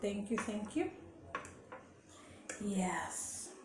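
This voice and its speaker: Woman munching and chatting slow, lots of mm-hmms, roomy echo, little background hum. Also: a little high. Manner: slow, relaxed, murmurs and hums while eating. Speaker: mukbang host. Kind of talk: casual eating-show chat. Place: home, indoors. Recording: echoey room with faint hum.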